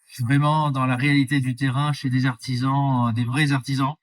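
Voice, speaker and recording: A man's voice: medium pitch, flat delivery, a little fast. A man from the Drôme answers interview questions about his work as a baker in an earnest, explanatory way. His voice sits in a middle range. He sounds somewhat distant from the microphone. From France, Drôme. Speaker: baker, guest.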